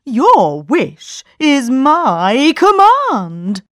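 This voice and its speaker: Give me a woman putting on a shouting genie from a storybook, high and grand, dry close sound. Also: wildly swooping pitch, very slow, dry recording, full character voice. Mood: booming. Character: booming male genie of the lamp.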